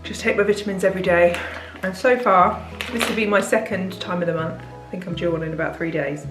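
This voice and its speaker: A woman's voice: lowish voice, fairly even intonation, a little fast, echoey room, over music, low-quality recording. A British woman in her thirties chatting candidly in a casual food vlog from her home kitchen, laughing easily as she talks. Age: 30s. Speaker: diet plan consultant and vlogger.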